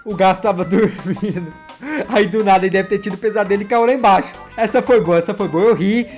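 An excitable man with a high voice rattles off playful reactions to funny cat clips and teases himself as he goes. His tone stays light and chatty, like a channel host talking to his viewers, with soft music running underneath. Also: a little fast. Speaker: YouTube gaming host.

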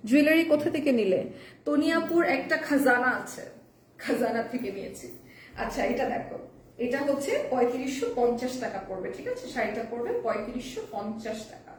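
A hoarse woman hosting a live selling stream, chatting casually and mixing in English phrases, heard in an echoey room with the mic at a distance. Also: high-pitched, animated, fairly quick, slight background noise. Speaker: live-sale host.

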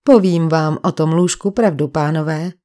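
Sly, smooth-talking fake doctor for a storybook reading, read by a woman. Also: deep voice, mellow, voice pushed down, natural voice. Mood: persuasive. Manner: falsely friendly, persuasive.

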